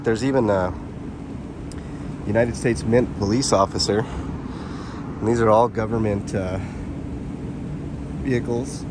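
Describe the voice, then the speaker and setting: A man filming a casual walking vlog outdoors on a city sidewalk, rambling and chatting directly to his viewers on a handheld camera mic. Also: on the low side. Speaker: vlogger. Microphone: handheld camera mic while walking. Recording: street traffic noise behind. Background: traffic.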